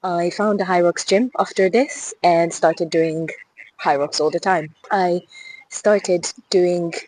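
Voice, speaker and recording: Walking a riverside path, this fitness ambassador from Hungary vlogs casually to camera in a chatty, enthusiastic way, with light laughs and restarts, speaking with a Hungarian accent. She is a young woman with a fairly low, somewhat mellow voice, fairly even intonation and a slow pace, and the audio quality is poor.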